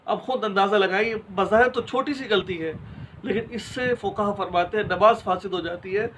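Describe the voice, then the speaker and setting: Male religious teacher, high for a man, explains point by point with examples, talks straight to the audience, with a faint hiss underneath. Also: fairly bright tone, rough recording. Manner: explains step by step with examples and rhetorical questions; addresses listeners directly and informally. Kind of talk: instructional religious lesson.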